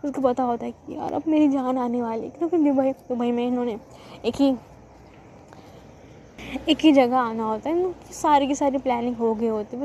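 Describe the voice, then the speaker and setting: Chatty high-voiced woman storyteller. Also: mellow, slight background noise. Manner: chatty, rambling, self-correcting. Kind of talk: casual storytelling. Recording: dull lo-fi with faint ambience.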